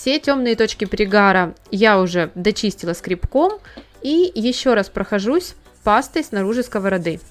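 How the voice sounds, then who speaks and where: Calm woman narrating cleaning steps. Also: mid-range voice, normal speed, soft background music. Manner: calm, instructive, step by step. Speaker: home cleaning tips host. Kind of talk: scripted how-to voice-over.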